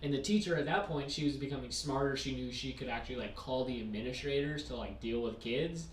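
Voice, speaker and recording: A man's voice: mid-range voice, fast. A young man hosting a casual podcast rant, rambling with many fillers. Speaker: podcast host. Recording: echoey room, distant mic, faint noise.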